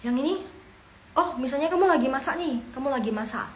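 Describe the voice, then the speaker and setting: A woman's voice: high-pitched, lively intonation. Woman, online Mandarin teacher, casual and repetitive, roomy echo with faint background hiss. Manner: chatty, explains slowly, repeats phrases. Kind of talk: casual online language lesson. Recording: echoey room with faint noise.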